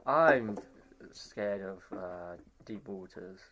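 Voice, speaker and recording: Animated young man telling stories. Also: low-pitched, drawn-out words, crowd noise. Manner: animated storyteller, voices others in quotes, laughs through tales. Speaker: podcast co-host. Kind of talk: casual storytelling chat.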